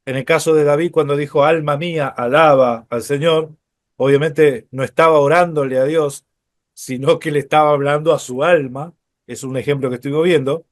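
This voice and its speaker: A man with a slightly high voice teaches a Bible study lecture, explaining things step by step, often checking in with his listeners and pausing on fillers. The recording is studio quality with no room sound.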